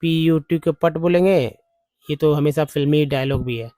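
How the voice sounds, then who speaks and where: A man teaching English reading, spelling words out slowly and repeating each one several times. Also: on the high side, dark tone, no room sound, studio quality. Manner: slow, repeats words letter by letter. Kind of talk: spelling and pronunciation lesson.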